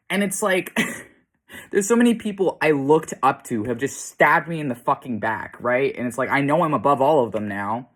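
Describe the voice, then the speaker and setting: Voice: medium pitch, fairly bright tone. Blunt, profane ranting vlogger. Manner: frequent short laughs. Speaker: self-described demonologist vlogger. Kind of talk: casual rant to camera.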